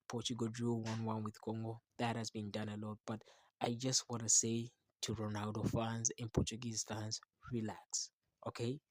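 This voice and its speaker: A man's voice: medium pitch, no room sound. A man giving casual, opinionated football commentary, emphatic and often repeating words and phrases for stress. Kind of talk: casual match commentary to camera.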